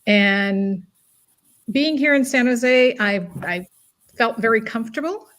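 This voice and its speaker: A woman's voice: on the high side, expressive, takes it slowly, a bit bright. Middle-aged guyanese-born woman, earnest and reflective, guest on a live talk show. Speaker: guest advocate. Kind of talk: casual conversation.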